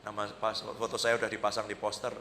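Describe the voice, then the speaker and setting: A man's voice: lowish voice, quick pace, big-room sound, slight background noise. A male pastor with a Central Javanese Indonesian accent, preaching in a chatty storytelling style and acting out quoted voices. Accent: Indonesian, Central Java. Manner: chatty, anecdotal, acts out quoted voices with lively jumps. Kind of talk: conversational sermon storytelling. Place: church worship hall.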